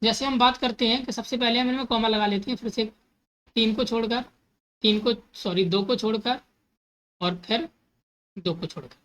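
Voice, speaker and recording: Woman math teacher, bright and fairly high voice, patient step-by-step explainer who mixes in terms. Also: moderate pace, pauses often, low-quality recording. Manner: repeats steps and asks herself questions, corrects slips.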